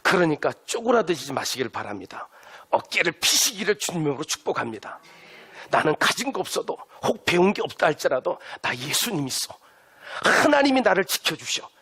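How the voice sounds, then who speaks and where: A man's voice: a little high, big pitch swings, a little fast, pushed and bright, slightly rough. A male pastor preaching a sermon with emphatic delivery, having the congregation repeat lines to their neighbors. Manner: has listeners turn and repeat lines to neighbors.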